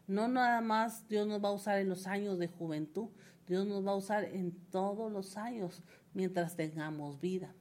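A woman's voice: mid-range voice, normal speed, a little mellow. A woman preaching a sermon in a fervent, rising manner, often repeating words for emphasis. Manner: fervent, builds to emphatic repetition.

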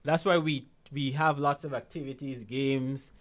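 In a measured, mid-range voice, a man from Guyana talks about money habits as a guest financial literacy coach. The interview is conversational, and his animated storytelling is dotted with frequent "right?" tags.

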